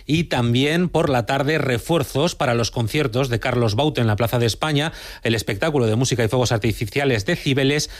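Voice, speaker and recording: A man from reading the news as anchor, in a measured newsreader delivery. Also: mid-range voice.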